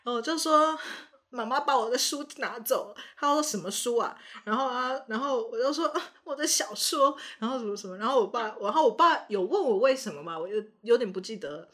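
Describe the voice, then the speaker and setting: A young woman co-hosting a casual podcast, telling childhood stories in an animated way and acting out her parents' lines. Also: fairly high pitch, fairly quick. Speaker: podcast co-host. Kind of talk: casual chat.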